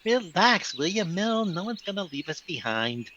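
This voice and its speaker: A man's voice: high voice, big pitch swings, moderate pace, highs cut off, background noise. A man playing a dopey, grumbling cartoon husband who bellows his lines in a comedic audio play. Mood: blustery.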